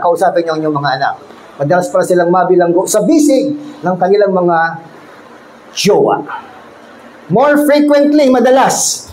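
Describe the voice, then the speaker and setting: A man preaching as pastor, reading verses slowly, then explaining them with playful jokes. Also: high voice, a little mellow, roomy sound, a little hiss or hum, low-quality recording. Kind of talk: bilingual sermon. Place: church sanctuary.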